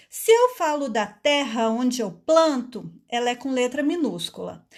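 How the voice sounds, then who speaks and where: A woman leads a phonics lesson for adult learners, sounding out syllables slowly and patiently. Her voice sits high. She takes her time over each word. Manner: patient, drawing out syllables one by one. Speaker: adult literacy teacher.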